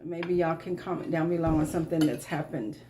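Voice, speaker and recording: A woman's voice: deep voice, fairly quick, noisy background. A woman chatting casually to a camera at a kitchen table, rambling with fillers as she hosts a mukbang vlog. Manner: relaxed, rambling with fillers, Southern phrasing. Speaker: vlog host. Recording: loud dish clatter over the voice. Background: clinking dishes and cutlery.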